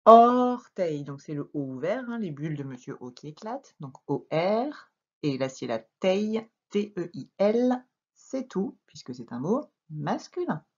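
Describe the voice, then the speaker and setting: A woman teaching French children to read, dictating words slowly syllable by syllable with lively emphasis. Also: low-pitched, breathy edge. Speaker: primary school teacher. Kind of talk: reading lesson for young children. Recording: dull lo-fi recording.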